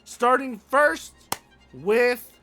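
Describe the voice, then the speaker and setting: A young man riffs through casual gaming commentary in a high voice that swings widely in pitch. He is hyped and playful, leans on slang and keeps repeating catchphrases. Soft music plays under him. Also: lively intonation, drawn-out words. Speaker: gaming YouTuber host.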